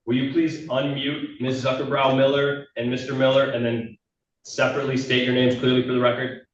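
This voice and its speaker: A man's voice: mid-range voice, level tone. Man heard in an echoey courtroom recording. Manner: measured and formally respectful. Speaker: prosecutor. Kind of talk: formal courtroom address. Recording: echoey, distant, muffled courtroom audio with faint noise.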